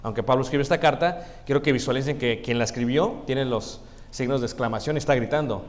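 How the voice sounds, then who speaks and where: Preacher in a reverberant church. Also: male voice, mid-range voice, quick pace. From Mexico. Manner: folksy, addresses the congregation as brothers, asks them questions. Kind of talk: conversational sermon. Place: church sanctuary. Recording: long hall reverb in a church.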